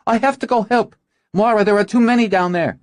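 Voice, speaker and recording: A man's voice: medium pitch, lively intonation, normal speed, slightly rough, no echo, pitched above the performer's own voice. A man voicing a determined young female witch in an audiobook, urgent and earnest.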